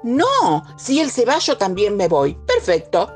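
A woman's voice: wildly swooping pitch, unhurried, darkish tone, faint music behind. A woman voicing a pleading, mischievous little girl with a Rioplatense accent, whiny and insistent. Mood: wheedling. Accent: Rioplatense Spanish. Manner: whiny, insistent, high-pitched.

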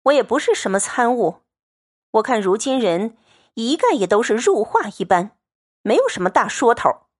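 A woman's voice: fairly high pitch, very animated, normal speed. A woman voicing a cold, aloof young noble girl who speaks with scorn. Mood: cold scornful. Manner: scornful, lecturing.

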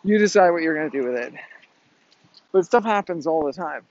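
A man's voice: fairly high pitch, animated, brisk. Blunt, cursing man with a dull, lo-fi sound. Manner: blunt and profane, tags points with "right?". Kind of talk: motivational monologue to viewers. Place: outdoors in the wind.

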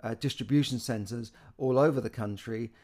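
A man's voice: mid-range voice, moderate pace, darkish tone. A British man talking casually about current economic news, stumbling through frequent restarts and repeated words. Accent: British English. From Britain.

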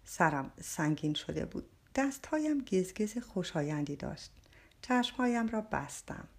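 A woman's voice: on the low side, very animated. A woman narrating an audiobook in the first person, telling the story expressively.

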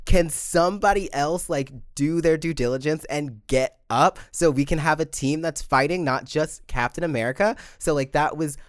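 A man co-hosting a podcast, talking through a movie in a casual, animated way and acting out scenes in quoted voices. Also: fairly high pitch, moderate pace, hardly any pauses, no room sound, clean studio sound. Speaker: podcast co-host.

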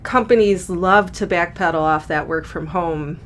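A woman's voice: fairly low pitch, a little slow, slight background noise. A young adult woman co-hosting a podcast in casual, candid chat, laughing often. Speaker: podcast co-host.

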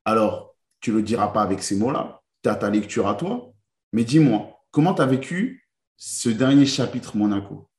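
A man's voice: fairly low pitch, animated, moderate pace. Interviewer man in a roomy echo. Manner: builds long, structured questions. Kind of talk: interview questions.

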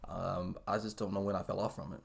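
A man's voice: low voice, little pitch movement, quick pace, vocal fry, breathy edge. A young American man hosting a casual anime chat, thinking aloud in an earnest, hesitant way. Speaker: podcast host.

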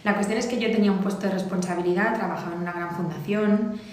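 A woman in her thirties from Valencia telling her story as a podcast guest, animated and acting out the dialogue she quotes. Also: mid-range voice, fast talker. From Valencia, Spain. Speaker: guest, charity founder. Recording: very echoey room, faint ambient noise.

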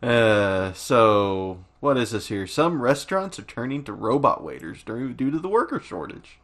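A man co-hosting a casual chat in an easygoing way, with quick laughs. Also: medium pitch, sing-song, a bit bright. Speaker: co-host.

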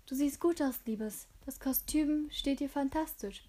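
A woman voicing a dignified middle-aged mother and businesswoman who speaks with composure and gentle admonishment, in an audiobook reading. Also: sits high, unhurried. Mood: warm.

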